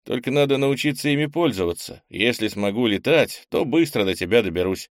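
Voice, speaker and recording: A man voicing a wary but bold young man who talks in a brisk, wry way. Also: mid-range voice, animated, no echo, clean studio sound, pitched above the performer's own voice, lightly acted.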